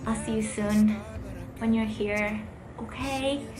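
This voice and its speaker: A woman's voice: medium pitch, fairly even intonation, slow pace, a crowd in the background. A young woman giving a heartfelt spoken wedding toast to camera, chatty and storytelling, getting emotional at times. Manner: chatty storytelling, acts out quotes, tearful moments. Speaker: vlogger giving a wedding speech to her cousin.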